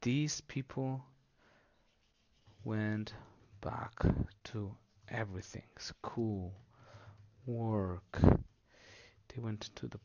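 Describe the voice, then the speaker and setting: A man explaining things simply for children, unscripted, in short halting phrases with pauses, on a dull lo-fi recording. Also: lowish voice, warm tone. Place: indoors at a table.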